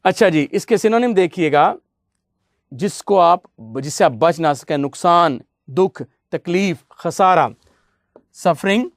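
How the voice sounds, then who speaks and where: A man teaches English vocabulary in an unhurried, deliberate way, reading out long lists of synonyms and spelling words letter by letter. His voice sits a little high for a man, and the recording is dry, with no room echo. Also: lively intonation. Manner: addresses students fondly as "beta". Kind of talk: classroom vocabulary lesson.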